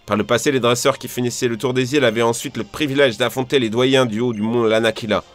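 A man's voice: mid-range voice, steady tone, fast, faint music behind, pitched below the performer's own voice, lightly acted. A man voicing a solemn older male island elder, reading game dialogue in a grave, ceremonious way.

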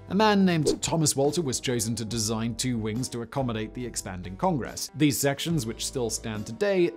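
Man narrating history with wry asides. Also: fairly low pitch. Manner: wry, sarcastic asides with sudden loud outbursts. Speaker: host. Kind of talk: scripted documentary narration with asides.

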